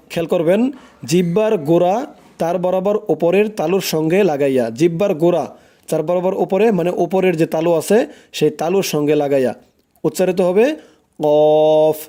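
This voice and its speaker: Male teacher, fairly high, warm tone, patient drill-style delivery, says each sound over and over. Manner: repeats each letter sound slowly and firmly for the listener to copy. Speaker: Quran recitation teacher. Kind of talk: recorded pronunciation lesson.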